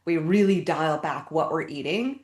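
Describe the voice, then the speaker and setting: Low voiced middle-aged woman explaining stuff, kinda repeats herself, roomy echo. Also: expressive, moderate pace, darkish tone. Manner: explains step by step, often repeats words. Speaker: guest health expert. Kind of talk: casual explanatory talk. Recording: echoey room.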